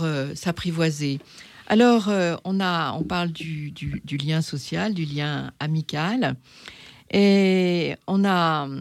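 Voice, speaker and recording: Hesitant gravelly radio host. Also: mid-range voice, dry recording. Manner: hesitant, many restarts. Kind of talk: hosted radio talk.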